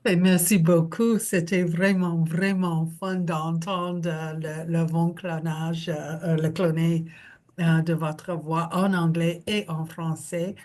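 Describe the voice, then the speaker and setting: A woman hosting a webinar on a video call, speaking haltingly with many fillers. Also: on the low side, level tone, a little mellow. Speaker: webinar host.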